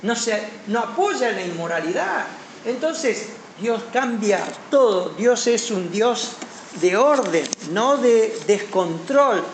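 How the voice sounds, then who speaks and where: A male pastor with a Paraguayan Spanish accent preaches emphatically, his voice swinging from loud peaks to quiet drops. The sound is roomy and echoey, with a faint hum underneath. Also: high-pitched, animated, slow. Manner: emphatic preaching, voice rising and dropping sharply. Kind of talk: sermon.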